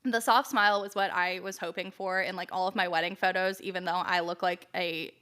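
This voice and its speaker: A woman's voice: on the low side, fairly even intonation, a little fast, pushed and bright, smooth. A young woman co-hosting a podcast, chatting casually with lots of fillers and acted-out quotes. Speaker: podcast co-host. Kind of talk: casual chat recap.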